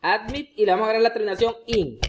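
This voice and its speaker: A patient teacher works through spelling rules one by one, saying each example word twice and pausing with small hesitations. The tone is explanatory and unhurried, with frequent direct asides to the viewer. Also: mid-range voice, a little hiss or hum. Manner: addresses the viewer directly, often with a coaxing "look". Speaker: English teacher. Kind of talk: explaining grammar rules to students.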